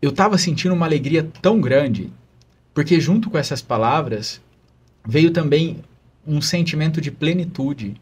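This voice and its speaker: A man's voice: on the high side, lively intonation, normal speed, darkish tone, slightly rough. A man, a religious brother, telling an earnest, emotional story of his calling in a podcast interview.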